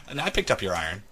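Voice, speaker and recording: A man's voice: medium pitch, fairly bright tone. A man hosting a let's play, chatting casually and telling jokes while gaming. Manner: joking, teasing storyteller. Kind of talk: casual gameplay chat.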